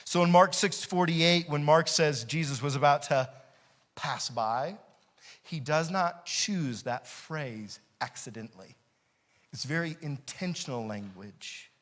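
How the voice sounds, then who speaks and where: A man's voice: fairly high pitch, measured pace, fairly bright tone. A man preaching a sermon as pastor, repeating key phrases and building intensity, sometimes laughing as he explains. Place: church sanctuary.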